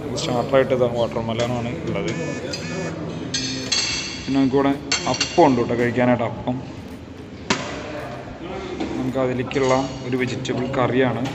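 A man's voice: mid-range voice, level tone, moderate pace, long pauses. A man with a Kerala Malayalam accent presenting casually to viewers, mixing English words into his Malayalam. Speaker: vlog presenter. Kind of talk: casual vlog narration. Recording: loud ambient vehicle-like noise.

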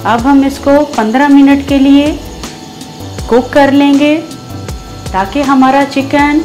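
Her voice is high-pitched, a little mellow, and level in tone as she takes things slowly. She's a cooking-show host with a Pakistani Urdu accent, patiently laying out the recipe step by step with enthusiasm for the dish, voiced over faint background music.

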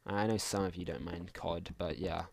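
A young man with a lowish voice rambles and mutters as he plays, trailing off into half-finished asides. His homemade recording carries a clear hiss and faint clicking in the background. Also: fairly even intonation, normal speed. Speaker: gaming channel host. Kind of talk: casual let's play commentary.

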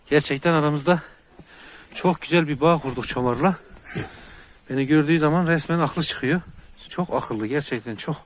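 A man's voice: normal speed, pauses often, a little hiss or hum. Turkish-speaking man narrating his dog vlog. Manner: coos at dogs in a high, loud voice, calm and lower when explaining. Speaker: dog breeder vlogger. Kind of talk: casual vlog narration to viewers. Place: outdoors with dogs.

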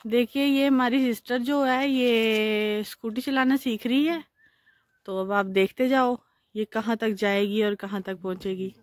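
Higher-voiced woman joking around outside at night, dry close sound. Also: measured pace, no echo. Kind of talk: casual banter. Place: outdoors at night.

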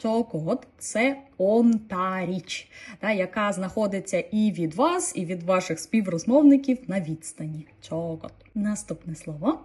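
A woman teaching an online language lesson, calmly explaining and repeating each new word. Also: medium pitch, a little slow, husky.

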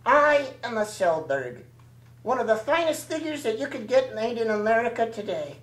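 A man's voice: very high voice, sing-song, moderate pace, fairly bright tone, echoey room, pitched above the performer's own voice, heavily acted, rough recording. A man voicing a cheeky eight-year-old boy ventriloquist dummy who cracks rude little jokes. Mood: indignant.

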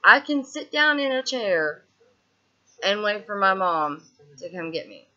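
Speaking slowly into her laptop webcam from a couch in a small room, a twentysomething vlogger with a Southern US twang rambles through her frustrations in a video diary. Her medium-pitched voice is bright and forward, swinging widely in pitch and stumbling over fillers and restarts. The built-in mic makes the sound dull and lo-fi.

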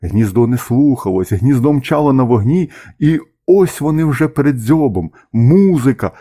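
Man, audiobook narrator, mellow warm tone, expressive measured reading. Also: medium pitch. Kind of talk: audiobook storytelling.

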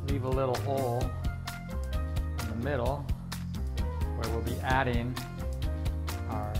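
A man's voice: mid-range voice, fairly even intonation, measured pace, over loud music. A man in his thirties hosting a home cooking demonstration, explaining each step to the camera in an upbeat way, recorded in a kitchen. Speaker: cooking video host.

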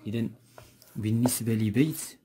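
A man's voice: mid-range voice, fairly even intonation, normal speed, dark tone, slightly rough. A man with a Moroccan accent teaching a textbook grammar lesson, going step by step and repeating key words.

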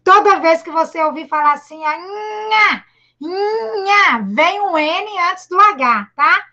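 A Brazilian woman teaching a child to read over a video call, patient and encouraging, sounding out syllables slowly. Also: very high voice, sharp tone. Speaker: primary school teacher. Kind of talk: online literacy lesson for a child. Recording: dull lo-fi video call audio.

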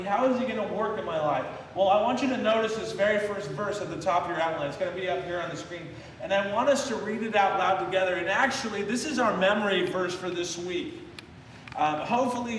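Male pastor, high voice, call-and-response preaching, recorded from a distance in a reverberant church hall. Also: fairly bright tone, a little hiss or hum. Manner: leads the congregation in call-and-response, repeating a memory verse. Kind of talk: sermon. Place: church sanctuary.

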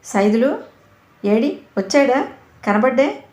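A woman's voice: on the high side, sing-song, slow pace, darkish tone, echoey room. A woman voicing a stern, short-tempered schoolteacher who scolds her class sharply. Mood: scolding.

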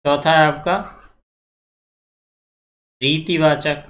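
Extremely slow and level in tone, a man with a fairly high, slightly bright voice runs a Hindi grammar lesson aimed at exams. He repeats himself, asks the class questions and answers them, and keeps checking in.

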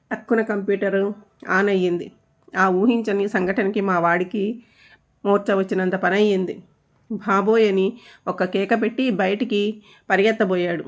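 A woman narrating a scripted ghost story in steady, suspenseful storytelling. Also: mid-range voice.

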